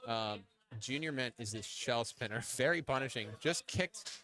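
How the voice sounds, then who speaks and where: A young man doing casual live commentary on robot combat, laughing easily and getting excited at big hits. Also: mid-range voice, normal speed, soft background music.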